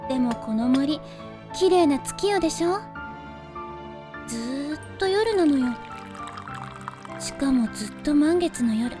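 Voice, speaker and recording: A woman voicing a soft, calm and gently teasing young woman who guards a moonlit forest, in a voice drama. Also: high-pitched, a little slow, long pauses, music in the background. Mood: gentle. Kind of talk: voice drama acting.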